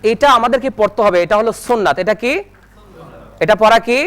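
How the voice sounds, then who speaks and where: A male Quran teacher leading a televised lesson, spelling out Arabic syllables and chanting them slowly for students to repeat. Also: high-pitched, a bit bright. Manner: slow drawn-out chanting of syllables, brisk instructions in between.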